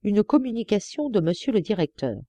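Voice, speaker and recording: A woman's voice: mid-range voice, sing-song, brisk, mellow, no room sound, pitched above the performer's own voice. Woman doing nervy old clerk guy, storybook reading, dry close mic. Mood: eager. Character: smiling older male court clerk, nervous.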